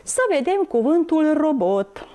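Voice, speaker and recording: Woman teacher, fairly high voice, slow and clear, spells words aloud for young kids. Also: sing-song, mellow. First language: Hungarian. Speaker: primary school teacher. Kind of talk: televised classroom lesson.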